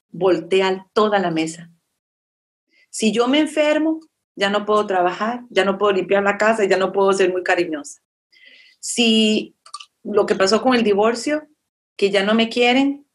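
A middle-aged woman from Costa Rica giving an inspirational, faith-based talk, addressing her listeners directly and acting out other people's voices. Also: mid-range voice. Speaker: motivational speaker.

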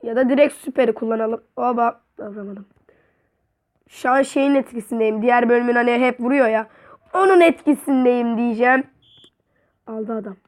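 A young woman giving excited, trash-talking commentary over her own gameplay. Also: fairly high pitch, normal speed. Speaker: gaming YouTuber.

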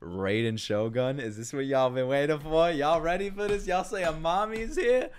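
A young adult American man streams live, chatting casually and exclaiming in excitable, slangy, crude reactions. His voice is on the high side, clear and resonant, at a moderate pace, with music in the background.

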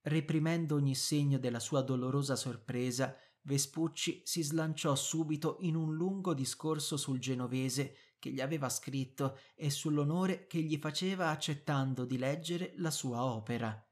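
A male narrator reading a novel aloud at a measured pace. His delivery is clear and even, made for learners. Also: a little high. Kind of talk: scripted audiobook narration.

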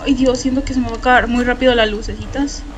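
A woman's voice: on the high side, steady tone, fast talker, slight background noise, rough recording. A young Mexican woman with a Mexican Spanish accent, doing frightened horror game commentary full of swearing, nervous laughter and shrieks. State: scared and shaky. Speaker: gameplay streamer.

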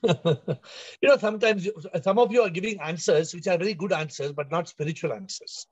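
A man's voice: high voice, a little fast. A man, giving a spiritual discourse on a video call, emphatic and repeating phrases. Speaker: spiritual teacher leading an online discussion. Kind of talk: spiritual discourse with questions to listeners. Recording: slightly dull video-call audio.

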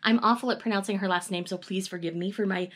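Talking fast in a steady, medium-pitched voice, a chatty woman runs through her reading plan for her book vlog, cheerful and laughing between titles. Full bookshelves fill the small room behind her, and the mic is a webcam or camera at desk distance.

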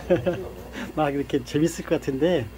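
A man's voice: a little high, crowd noise. A man hosting a casual food vlog chat with a guest, talking politely and laughing easily, his voice muffled through a face mask. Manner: chatty, quick to laugh, polite questions. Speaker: vlogger host. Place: small restaurant indoors. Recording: noisy restaurant background.

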